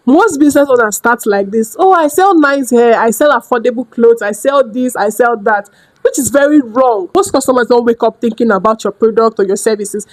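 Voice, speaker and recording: A woman, coaching small business owners in a casual vlog, direct and lively, often acting out what customers and sellers say. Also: a little high, no echo, rough recording. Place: indoors at home during a rainstorm.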